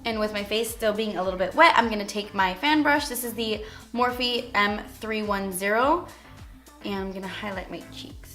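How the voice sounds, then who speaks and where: A woman's voice: mid-range voice, moderate pace, fairly bright tone, faint music behind. A young woman talking casually through a makeup tutorial as a beauty vlogger, chatty and full of "like" fillers.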